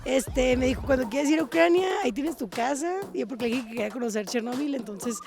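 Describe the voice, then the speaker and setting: A woman's voice: high voice, quick pace, creaky, over music. A young Mexican woman with a Mexican accent vlogging on her phone in airports, chatty, slangy and worn out from travel. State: tired from travel. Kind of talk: casual travel vlog. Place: airports, in transit.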